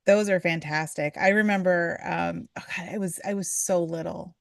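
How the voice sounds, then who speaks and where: A woman from Pennsylvania with a flat, nasal voice, hosting a casual interview and asking questions in a chatty way. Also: on the low side, normal speed, gravelly, no echo, studio quality. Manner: chatty, laughing easily, asks questions. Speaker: podcast host.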